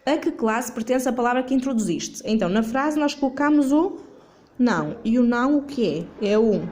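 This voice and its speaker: A woman's voice: on the high side, lively intonation, normal speed, darkish tone. A woman teacher, going over a worksheet in a remote lesson, filming with her phone while she writes. She patiently asks questions and answers them herself. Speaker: primary school teacher.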